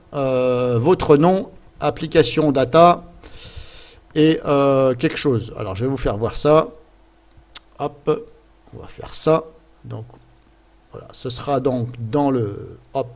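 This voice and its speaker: A man giving a casual software tutorial, talking through clicks and folders, thinking aloud with fillers and small self-corrections. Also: mid-range voice. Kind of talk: screen-recorded software tutorial.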